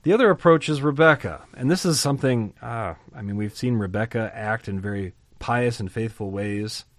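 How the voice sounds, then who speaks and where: Guy explaining a bible chapter, chatty and animated, middle pitch, dry close sound. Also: moderate pace, no echo. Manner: lively, chatty, asks rhetorical questions, chuckles. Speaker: Bible teacher. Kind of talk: conversational Bible teaching.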